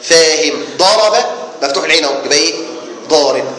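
Egyptian sheikh teaching a class, voice on the high side, keeps quizzing the room, big echoey hall. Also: male voice, fast talker. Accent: Egyptian Arabic. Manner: lively, asks the class questions and answers them himself. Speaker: sheikh teaching Islamic jurisprudence. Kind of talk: classroom lecture. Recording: echoey hall with faint background noise.

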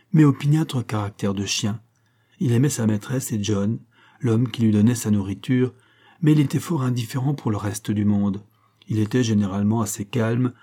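A man narrating a classic novel as an audiobook, in a measured, even storytelling voice. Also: mid-range voice. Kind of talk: scripted narration.

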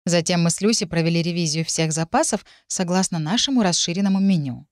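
A woman reading a first-person story aloud in an even, measured way. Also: on the low side, dry recording, studio quality. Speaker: audiobook narrator. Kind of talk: first-person audiobook narration.

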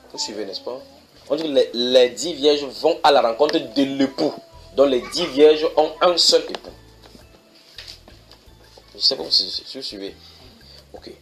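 Man preaching, slow verse reading. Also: mid-range voice, fairly bright tone. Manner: reads verses slowly then explains, asks the audience if they follow. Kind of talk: sermon teaching. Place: church.

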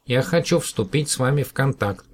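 A man's voice: expressive, moderate pace, husky. A man voicing a tiny, childlike alien cosmonaut who boasts and speaks earnestly in a raised, piping voice. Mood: insistent. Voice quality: high, piping voice. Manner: earnest, declaiming.

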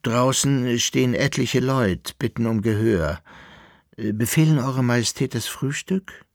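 A man's voice: mid-range voice, a little slow, gravelly, no echo, clean studio sound, pitched above the performer's own voice. A man doing a fussy servile valet. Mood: officious. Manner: deferential, officious.

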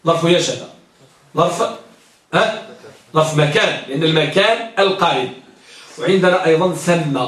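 A man's voice: on the high side, a bit bright. A man teaching an Arabic grammar lesson. He asks his students questions and answers them himself, repeats key words and recites verses of grammar poetry. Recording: echoey room, mic at a distance.

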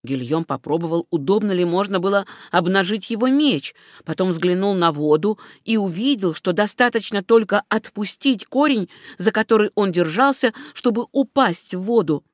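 Audiobook narrator, measured reading, mid-range pitch, dry close-miked sound. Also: animated, no room sound. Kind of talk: scripted narration.

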